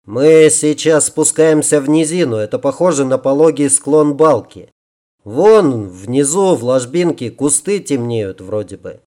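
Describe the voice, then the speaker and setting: A man's voice: medium pitch, lively intonation, measured pace, warm tone, natural voice. A man voicing a practical, determined young man who leads a weary group with a commanding manner, in a storybook reading. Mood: planning.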